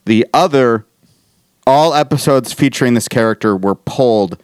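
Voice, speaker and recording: A man's voice: mid-range voice, normal speed, smooth, no echo, studio quality. A man co-hosting a podcast in casual chat, rambling and laughing as he talks, with some swearing. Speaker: podcast co-host.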